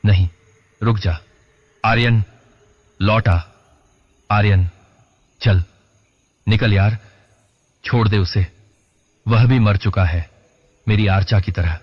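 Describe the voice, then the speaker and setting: A man's voice: on the low side, slow pace, long pauses, husky, big-room sound. A man voicing a grief-stricken young man who wails desperately in a lo-fi recording. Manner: wailing, desperate. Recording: lo-fi dull recording.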